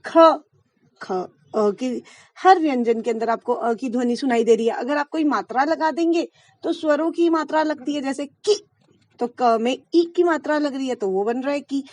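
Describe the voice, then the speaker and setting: A woman's voice: high-pitched, moderate pace, a little mellow, dry recording. A woman teaching a Hindi grammar lesson to schoolchildren. She explains patiently and asks the class questions, then answers them herself.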